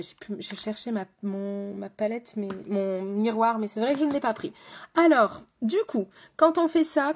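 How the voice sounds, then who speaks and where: A woman with a French accent, a makeup artist chatting with viewers while doing her makeup on a live stream. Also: fairly high pitch. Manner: chatty, talks straight to viewers and chat.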